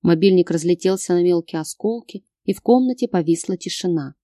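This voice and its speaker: A woman narrating a first-person novel in a steady storytelling voice. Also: fairly low pitch, fairly quick, no echo, studio quality. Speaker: audiobook narrator.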